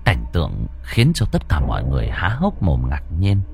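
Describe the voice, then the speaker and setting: A man's voice: extremely low pitch, wildly swooping pitch, normal speed, gravelly, darkish tone, soft background music. A man narrating a ghost story with dramatic, suspenseful delivery.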